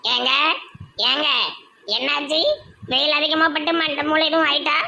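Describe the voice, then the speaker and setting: Cartoon role: mocking, whiny young wife voiced by a woman, Tirunelveli Tamil accent, high and sharp. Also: steady tone, moderate pace, gravelly, slight background noise, full character voice. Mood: teasing. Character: teasing chatty village wife, young adult. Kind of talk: cartoon dialogue.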